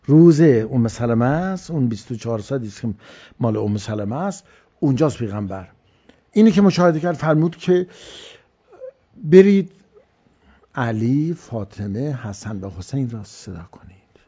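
A man's voice: mid-range voice, lively intonation, dark tone, breathy edge, muffled recording. A man preaching a religious lecture, telling stories and repeating phrases for stress. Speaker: cleric.

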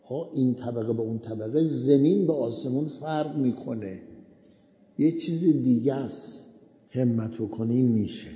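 A man giving a slow, repetitive moral sermon as a cleric. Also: medium pitch, warm tone. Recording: echoey hall, dull lo-fi sound.

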